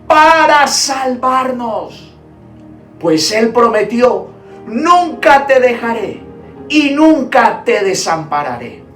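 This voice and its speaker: A woman preacher giving a devotional sermon, building it around a story in a slow, emphatic, repetitive way. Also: sits high. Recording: roomy echo, distant mic, soft music.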